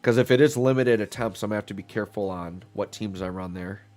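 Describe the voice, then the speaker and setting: A man with a low-ish, congested voice talks quickly while live-streaming gameplay, sounding stuffy as he gets over a cold. Relaxed and rambling, he thinks aloud using fillers, and faint background music can be heard.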